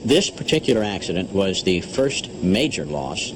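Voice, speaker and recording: A man giving an unscripted documentary interview as an investigator, with hesitant, measured phrasing. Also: sits low, very animated. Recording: clear background noise.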